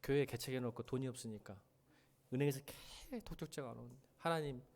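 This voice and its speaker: A male pastor preaching a sermon in a church, pleading loudly at times and dropping to soft, confiding asides. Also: medium pitch, fast talker, vocal fry. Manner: emotional preaching, swinging between loud pleas and soft confiding asides. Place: church sanctuary.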